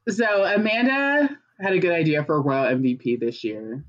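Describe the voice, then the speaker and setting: An American podcast co-host talking in a lively, gossipy way, swinging between mid-pitched chatter and laughing outbursts. The sound is slightly dull and lo-fi, like an older home recording setup. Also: normal speed. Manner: animated, gossipy, breaks into laughter. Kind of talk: casual chat.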